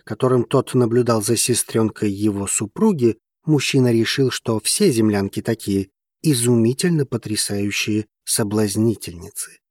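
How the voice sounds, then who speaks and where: A man reading a novel aloud as an audiobook narrator, steady and even. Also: mid-range voice, no room sound, studio quality.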